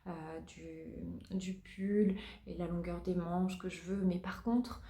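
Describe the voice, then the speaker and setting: A woman's voice: lowish voice, steady tone, slow, gravelly, mellow. A woman hosting a knitting podcast in casual chat, hesitant with many fillers and restarts. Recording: roomy echo.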